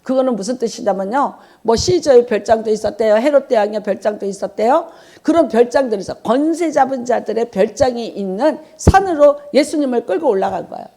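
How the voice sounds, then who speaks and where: A woman's voice: on the high side, lively intonation, fairly quick, mellow. A woman pastor preaching a Sunday sermon, putting questions to the congregation and acting out quoted voices. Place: church.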